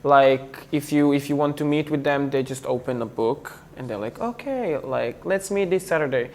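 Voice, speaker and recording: A young man from Serbia with a Serbian accent, talking in an interview, pausing often with fillers and restarts. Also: a little high, a little hiss or hum. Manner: hesitant, many fillers and restarts. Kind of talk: casual interview talk.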